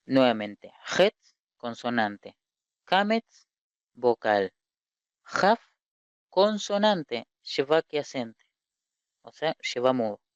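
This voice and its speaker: A male teacher gives an online lecture at an unhurried, measured pace, repeating key terms and putting rhetorical questions to his students. His voice is smooth and clear. The sound is dry and close, with a slightly muffled, lo-fi quality. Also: medium pitch, no echo. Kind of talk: online lecture explaining slides.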